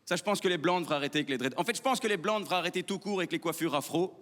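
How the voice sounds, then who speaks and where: A young Belgian man with a Belgian French accent, doing a deadpan, provocative stand-up set and chatting with the audience. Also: high-pitched, very fast. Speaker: stand-up comedian. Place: theatre stage before a live audience. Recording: live theatre hall with crowd.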